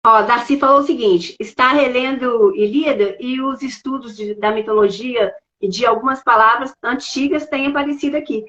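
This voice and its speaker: A woman's voice: fairly high pitch, normal speed, pushed and bright, muffled recording. A woman hosting a live stream, playful and talking straight to her viewers. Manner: playful, addresses the audience directly. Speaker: host.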